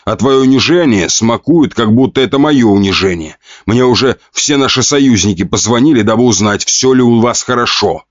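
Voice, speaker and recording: A man's voice: medium pitch, moderate pace, hardly any pauses, dry recording, muffled recording, pitched above the performer's own voice, close to an everyday voice. A man voicing a powerful duke who harshly scolds his son with scorn and mockery. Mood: scornful.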